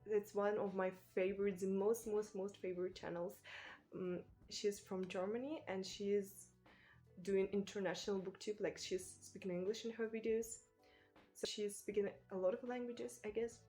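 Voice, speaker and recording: A native Ukrainian speaker from Ukraine, a woman with a Ukrainian accent, chats casually to camera as a booktuber. She is thoughtful and halting, with small restarts and soft laughs. Her mid-range voice barely moves in pitch, and faint music plays behind her.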